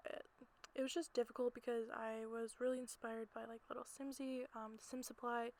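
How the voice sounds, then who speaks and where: Recording in a small closet at home, an amateur creator narrates her gameplay video in a casual, rambling, giggly way. Her voice is fairly high with vocal fry, and there's noticeable background noise.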